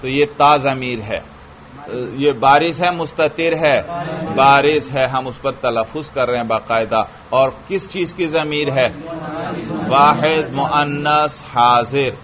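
A male religious teacher from Pakistan drilling grammar with his class, quizzing students with repeated questions and chanting word forms slowly. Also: medium pitch, a bit bright, highs cut off.

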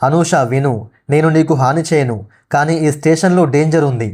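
A man voicing the ghost of a young woman, gentle and protective, speaking softly and reassuringly in a horror story narration. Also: fairly high pitch, normal speed, close to an everyday voice. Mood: urgent.

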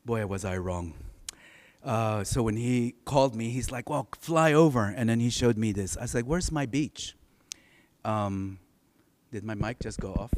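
A middle-aged baritone architect gives a relaxed, conversational design lecture full of anecdotes, frequently pausing on filler sounds. The recording carries the reverberation of a large lecture hall.

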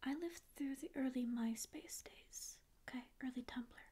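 This woman's voice sits high with a dark tone and a breathy edge, running a little slow. She's whispering a grumpy, sarcastic, mock-rude ASMR roleplay of an ancient sleep paralysis demon who secretly cares, close to the mic in a small dim room.

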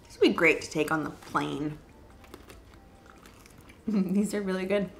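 A woman's voice: on the low side, unhurried, creaky, slight background noise. A woman co-hosting a snack taste-test video in easygoing, curious casual chat.

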